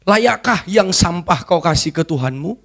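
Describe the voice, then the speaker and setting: A woman's voice: lowish voice, animated, normal speed. A woman voicing a scornful, taunting devil who hurls mocking, accusing questions in a sermon.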